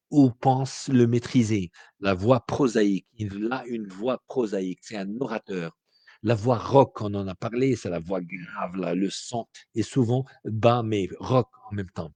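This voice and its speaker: A man's voice: fairly low pitch, a little slow, warm tone, husky, no room sound. A man from Morocco, giving a spoken lecture as a teacher in an explanatory way with frequent hesitations.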